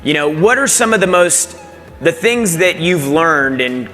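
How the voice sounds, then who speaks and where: Energetic male host in a big hall. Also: a little high, a little slow. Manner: energetic, hypes the audience. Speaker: event host. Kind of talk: onstage interview. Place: large event hall. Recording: hall reverb with faint music.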